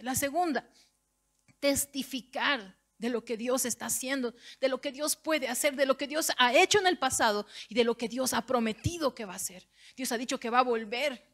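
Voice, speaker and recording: Predicadora boliviana de voz aguda y fervorosa. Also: female voice, high-pitched. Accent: Bolivian Spanish. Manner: fervent, rising to near shouts on key phrases. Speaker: preacher. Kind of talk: sermon. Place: church.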